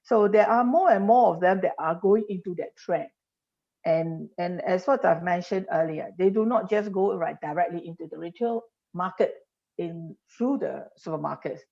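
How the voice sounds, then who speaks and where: Her voice is lowish and creaky, delivered at a normal speed. The Singaporean woman is an industry guest explaining on a podcast interview, layering examples and restarting frequently, and the recording sounds dull and lo-fi.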